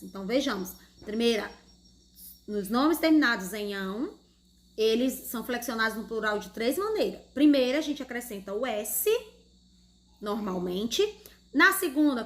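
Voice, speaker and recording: A woman's voice: on the high side, a bit bright. A woman teaching a grammar lesson to schoolchildren in Brazilian Portuguese, patient, explaining step by step and asking questions. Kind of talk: online grammar lesson for children.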